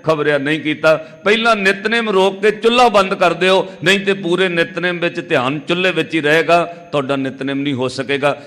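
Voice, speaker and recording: A man preaching a Sikh katha sermon, telling a story with lively delivery, sometimes breaking into melodic chanting. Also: a little high. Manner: animated storytelling, acting out dialogue in quotes. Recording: long hall reverb.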